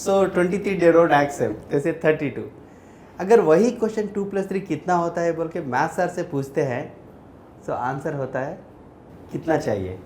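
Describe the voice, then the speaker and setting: A man's voice: fairly high pitch, normal speed, darkish tone, a little hiss or hum. A male math teacher telling a joke about subject teachers in a humorous way, mixing Hindi and English. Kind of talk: joking anecdote. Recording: roomy echo.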